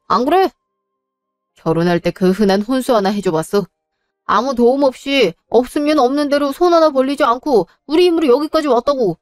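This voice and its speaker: A woman's voice: on the high side, darkish tone, dry recording, clean studio sound, lightly acted. A woman voicing a young married man, a blunt younger son arguing with his mother and brother in a dramatized story.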